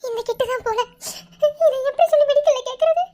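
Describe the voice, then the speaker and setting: For a Tamil animated love story, a woman voices the lead, an anxious young college girl, in a very high-pitched, fast, slightly bright voice. She teasingly quips at her friend, then turns pleading and tearful as she hurriedly begs strangers for help.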